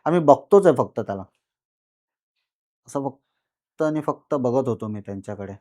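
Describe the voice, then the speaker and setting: A man recounting a first-person horror experience in a podcast conversation, animated and repetitive with dramatic pauses. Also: mid-range voice, no echo, studio quality. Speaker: guest storyteller.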